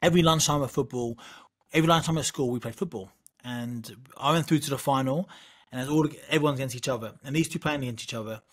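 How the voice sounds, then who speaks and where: A middle-aged man, a guest on an interview, telling lively anecdotes from his youth in a casual way. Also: medium pitch, fast. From United Kingdom. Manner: vivid, animated anecdote-telling with laughs. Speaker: guest, former Olympic boxer.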